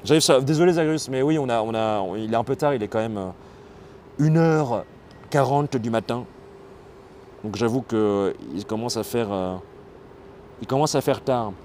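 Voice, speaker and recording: A man hosting a live stream, explaining things casually and pausing often on fillers as he reads and answers chat. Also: mid-range voice, a little mellow, slight background noise. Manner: explanatory, hesitant, with many fillers. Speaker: livestream host.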